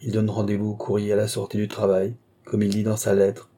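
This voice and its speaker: A man voicing an old scheming duke who mutters low asides. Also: monotone, fairly quick, dark tone, lightly acted. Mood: muttering.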